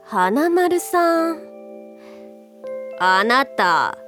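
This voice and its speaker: A woman's voice: high-pitched, sing-song, drawn-out words, a bit bright, faint music behind, heavily acted. A woman voicing a prim, proper teenage girl who speaks very politely, in a radio drama. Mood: probing. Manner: polite formal speech. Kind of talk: anime radio drama acting.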